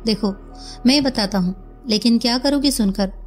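A woman voicing a grief-stricken, volatile male professor who shouts through tears. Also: moderate pace, faint music behind, natural voice. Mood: distraught. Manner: shouting, tearful, raised pitch.

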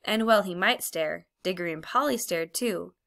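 A woman narrating a children's storybook in an expressive, measured reading voice. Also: on the low side, gravelly. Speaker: audiobook reader.

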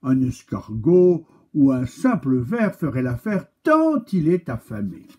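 A man reading a picture-book tale aloud to children, animated and speaking directly to his young listeners. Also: mid-range voice, unhurried, breathy edge. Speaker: storyteller for children.

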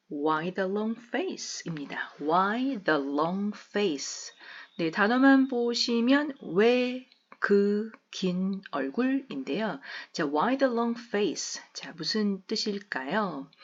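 A woman hosting an English lesson, explaining phrases and repeating them slowly for learners. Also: mid-range voice, lively intonation, muffled recording. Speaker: English teacher.

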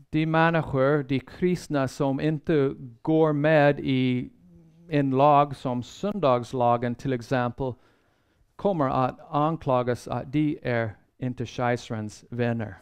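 A man delivers a sermon-style Bible lecture in a measured, earnest way, with frequent pauses and restarted phrases. His voice sits in an ordinary middle register and sounds smooth and resonant. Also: mid-range voice. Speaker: Bible seminar speaker.

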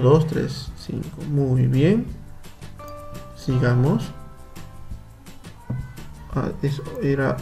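A man's voice: mid-range voice, creaky, warm tone. A man with a Peruvian Spanish accent, teaching a computer lesson to children over a screen recording and patiently explaining each step. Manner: patient, explains step by step with frequent tag questions.

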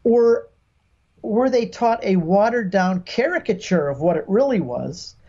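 An American man in his sixties from Michigan appears as a podcast guest over a video call from a home room lined with bookshelves, explaining through stories and examples and emphatically acting out quoted speech. His voice is high-pitched, mellow and expressive at a measured pace, and the sound is lo-fi.

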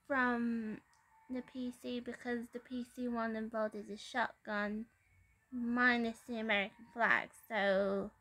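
High, bright-voiced excitable woman gamer. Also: a little hiss or hum. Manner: excitable, exclaiming and giggling while playing. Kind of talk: gameplay commentary.

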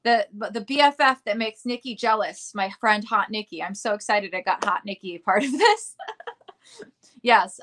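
Bubbly bright-voiced woman chatting live. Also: medium pitch. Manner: bubbly, giggly, chatty with viewers. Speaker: livestream host, actress. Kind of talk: casual live-stream chat.

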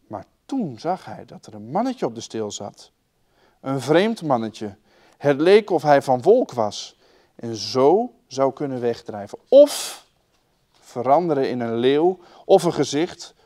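A man with a Dutch accent reading a children's story aloud, raising and dropping his voice for the children's lines. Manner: lively, shifts loudness and pitch for the children's lines.

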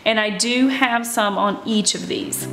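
A woman's voice: a little high, unhurried, over loud music. A woman hosting a craft tutorial, talking casually and chattily as she walks through each step, with frequent ums and "okay, so". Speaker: craft channel host.

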